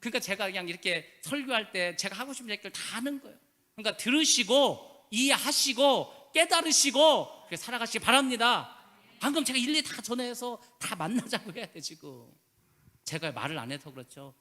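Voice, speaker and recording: Fast, bright-voiced man preaching in a reverberant hall. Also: high-pitched, lively intonation. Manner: emphatic, rhetorical questions, casual speech endings. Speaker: pastor. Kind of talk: sermon. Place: church sanctuary.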